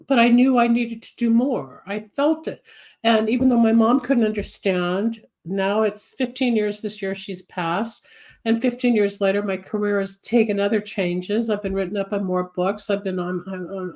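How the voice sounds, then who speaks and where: This older woman, in her seventies, has a medium-pitched voice with a somewhat dark tone. Hosting a psychic advice show live on her own, she talks on and on, wandering between topics, offering advice, and reading viewer comments. She's still getting over a cold, so she sounds congested and coughs.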